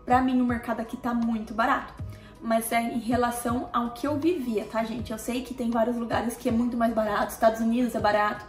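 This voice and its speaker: A chatty Brazilian woman with a fairly high voice talks casually to her audience as a vlogger. She keeps pulling viewers in with quick asides. Her voice rings in a roomy, echoey space over faint background music. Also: flat delivery. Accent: Brazilian Portuguese. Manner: chatty, keeps addressing viewers with tag questions. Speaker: family vlogger. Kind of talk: casual talk to camera.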